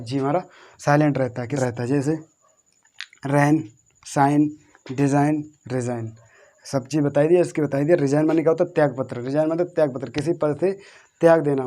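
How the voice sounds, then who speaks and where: A man's voice: on the high side, warm tone. A man teaching a lesson on English spelling, repeating each word and spelling it out letter by letter, asking questions and answering them himself. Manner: repetitive, drills words slowly letter by letter.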